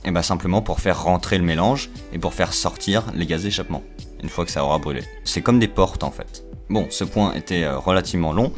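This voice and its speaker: A young man with a deep, low voice explains engine parts in a loose, chatty way. He pauses often on fillers, restarts his sentences and slips in teasing asides. Faint music plays underneath. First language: French. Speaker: video creator explaining engines. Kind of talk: casual technical explanation.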